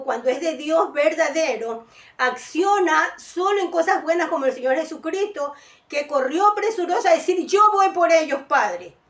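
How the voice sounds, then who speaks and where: A woman's voice: high-pitched, a bit bright, reverberant, distant mic. A woman preaching a sermon, often calling her listeners beloved, with many restarts as she explains. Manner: calls listeners "amados" often, restarts and fillers.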